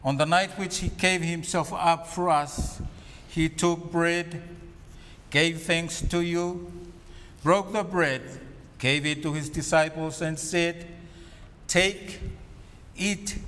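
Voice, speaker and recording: A man's voice: on the high side, fairly even intonation, slow pace, long pauses, fairly bright tone. A man reciting a communion liturgy as minister, solemn and formal, phrase by phrase, with a cathedral-like echo. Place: large reverberant church. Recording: long cathedral-like echo, reverberant hall.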